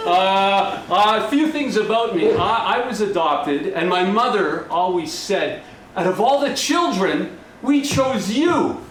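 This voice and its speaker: A man's voice: sits high, lively intonation, unhurried, a bit bright. A man doing a comic magic act for a live audience, with the jokey, showy patter of a kids party magician. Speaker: stage magician. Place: live show in an echoey room. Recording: echoey, noisy room, far from mic.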